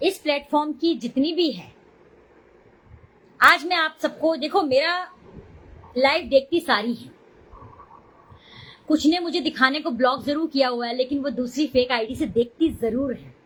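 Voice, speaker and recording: Chatty high-voiced woman on a live stream. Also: a bit bright, poor audio. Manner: chatty, defensive, greets viewers mid-talk. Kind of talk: casual live-stream chat.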